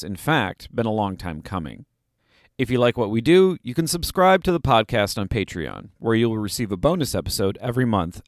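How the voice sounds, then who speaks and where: Man, podcast co-host, casual chat, animated, laughs a lot, dry close mic. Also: fairly low pitch, no echo.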